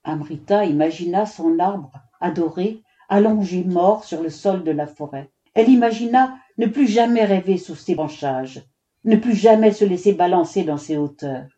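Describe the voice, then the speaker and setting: A woman's voice: lowish voice, normal speed, warm tone. A woman narrating a children's story expressively, giving each character a voice.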